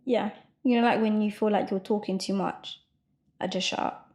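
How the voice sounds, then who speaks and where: A woman co-hosting a podcast, chatting casually and quick to protest in an exasperated way. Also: mid-range voice, fairly even intonation, darkish tone. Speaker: podcast co-host. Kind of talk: casual chat.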